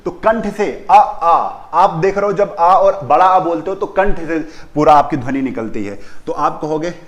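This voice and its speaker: A man's voice: a little high, normal speed. A man teaching a grammar lesson in Hindi, who repeats key terms and keeps asking the children questions. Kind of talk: classroom lesson on pronunciation.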